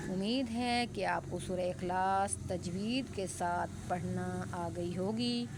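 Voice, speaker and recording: Patient woman teaching tajweed over traffic noise. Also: on the low side. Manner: patient, explains then recites syllables slowly. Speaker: Quran recitation teacher. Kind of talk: tajweed lesson, slow spelled-out recitation.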